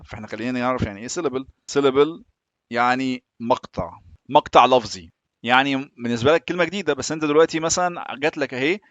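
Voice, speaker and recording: A man with an Egyptian Arabic accent teaching English step by step, often pausing to check that the listener is following. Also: medium pitch, dry recording, highs cut off. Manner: patient, often checks in with "تمام؟". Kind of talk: explaining English lessons in Arabic.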